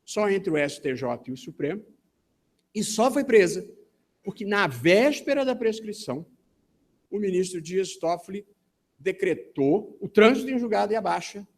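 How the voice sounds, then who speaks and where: Brazilian man giving a measured formal speech. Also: high voice, expressive. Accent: Brazilian Portuguese. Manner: measured, deliberate, with frequent hesitation fillers. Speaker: speaker at a legal seminar. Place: conference hall in Brazil.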